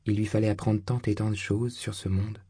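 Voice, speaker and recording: A man narrating a literary story in an audiobook, in a measured, even delivery. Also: lowish voice, husky, dry recording.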